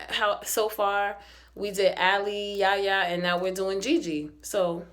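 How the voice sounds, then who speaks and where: A young woman casually recapping a web series episode in slangy, animated talk, acting out the characters' lines. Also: medium pitch. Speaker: YouTube episode reviewer.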